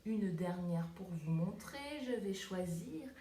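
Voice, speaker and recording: A woman preschool teacher giving a home video lesson to young children, slow and gentle, sounding out words syllable by syllable, recorded on a tablet at home in the countryside. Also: mid-range voice, lively intonation, far from the mic. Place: countryside home, flies around. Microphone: tablet camera. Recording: roomy tablet recording with faint ambience.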